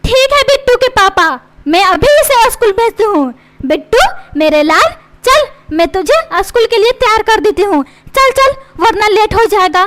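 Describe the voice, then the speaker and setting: A woman's voice: very high voice, animated, moderate pace, a bit bright. A woman voicing a fickle cartoon mother who scolds her husband and dotes on her son, talking in a bossy, scolding way. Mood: doting.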